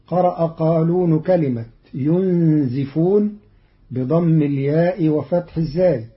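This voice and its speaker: A man presenting a formal radio lesson on recitation variants, measured and precise. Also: on the high side. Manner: measured and precise, carefully enunciating each word. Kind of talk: formal didactic explanation. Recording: dull lo-fi archival radio recording.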